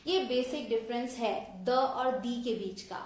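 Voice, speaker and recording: Brief: woman grammar teacher, high voice, patient step-by-step explaining, strong room echo. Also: unhurried, darkish tone, a little hiss or hum. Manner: explains step by step, quizzing viewers with questions. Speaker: English teacher. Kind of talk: online grammar lesson. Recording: echoey room.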